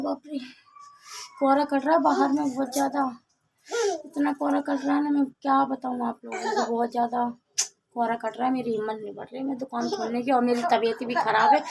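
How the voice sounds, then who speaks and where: Young woman, home vlogger, unwell and grumbling, slightly high voice, light background noise. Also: gravelly, a little mellow, rough recording. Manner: chatty, complaining, repeats herself a lot. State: feeling unwell. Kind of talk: casual home vlog chat. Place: at home indoors.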